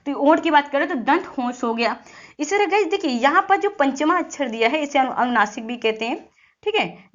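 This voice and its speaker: Woman teacher, high-pitched, step-by-step explaining, sounds out letters, frequent check-ins, muffled lo-fi recording. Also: fairly bright tone. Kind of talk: exam-prep lesson. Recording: dull lo-fi audio.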